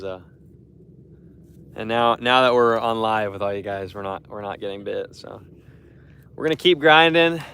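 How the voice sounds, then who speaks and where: A young man streaming live from a boat on a lake, talking straight to his viewers in a loose, rambling way. His voice is smooth and clear, pitched in a middle register, and he often trips over and repeats his words. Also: a bit bright. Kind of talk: casual live stream chat.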